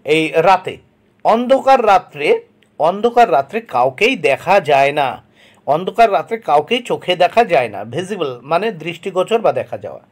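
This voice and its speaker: A man teaching a textbook lesson, breaking words into syllables, repeating them, and reading English example sentences slowly. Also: sits high, big pitch swings.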